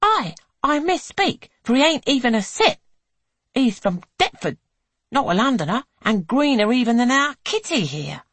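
A woman reader voicing a sharp-tongued, scornful young woman in a storybook. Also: fairly high pitch, very animated, breathy edge, dry recording, pitched above the performer's own voice, exaggerated voice. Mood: mocking. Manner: cutting, brisk.

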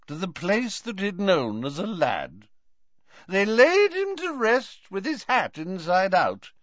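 Man voicing a tipsy old potions master, pompous, weepy, high fluttery warble, dull lo-fi sound. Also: dry recording, heavily acted. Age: older. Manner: warbling, fluttery, hushed when upset.

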